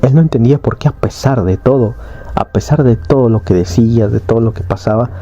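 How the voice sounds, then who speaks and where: A man's voice: medium pitch, brisk, dark tone, dull audio. A man casually retelling an anime story, rambling along with fillers and tag questions. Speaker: anime recap narrator.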